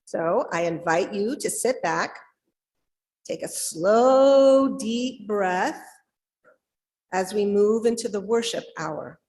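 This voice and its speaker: Speaking slowly at a medium pitch, her voice a little mellow, a woman of middle age or older serves as service leader at church. She addresses the congregation in a big auditorium, and the recording carries long hall reverb.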